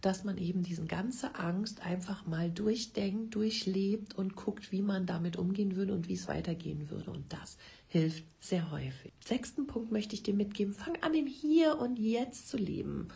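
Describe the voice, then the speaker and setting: A middle-aged woman giving earnest advice on facing fears, speaking to the listener directly and often dropping to a soft whisper. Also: medium pitch, animated, normal speed, creaky, husky. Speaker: self-help speaker. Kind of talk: advice talk on coping with fear.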